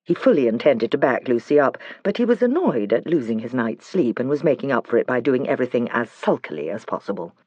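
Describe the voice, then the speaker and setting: A man narrating a storybook with a lively, rising-and-falling pitch and measured pacing. The read is close and dry, with a slightly dull, muffled tone. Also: no echo. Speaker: audiobook narrator. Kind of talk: scripted narration.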